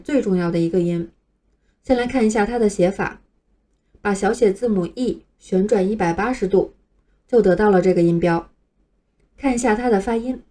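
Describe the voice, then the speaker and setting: Female teacher for a beginner pronunciation lesson. Mellow, even delivery, patient, reads new words slowly and spells them out. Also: medium pitch. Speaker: English teacher.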